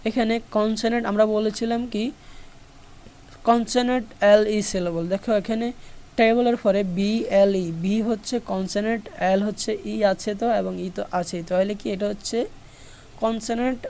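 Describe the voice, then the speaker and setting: A woman's voice: mid-range voice, fairly even intonation, normal speed, mellow, slight background noise. Woman, Bangladeshi accent, online English teacher, patient step-by-step explanations, repeats examples.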